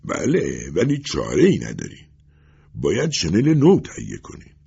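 A man voicing a gruff, stubborn older male tailor in an audiobook, with a blunt, matter-of-fact delivery. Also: fairly high pitch, sing-song, voice pushed up, full character voice. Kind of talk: audiobook character voice. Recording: dull lo-fi recording.

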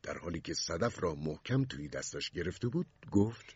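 A man narrating a story in a measured, husky voice. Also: deep voice, sing-song, a little mellow, dry recording, muffled recording. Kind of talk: scripted narration.

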